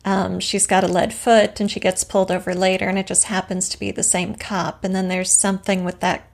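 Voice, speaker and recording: A woman's voice: mid-range voice, level tone, brisk, vocal fry. A woman co-hosting a podcast, talking through story ideas in a thoughtful, example-driven way. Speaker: podcast co-host. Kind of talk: casual craft discussion.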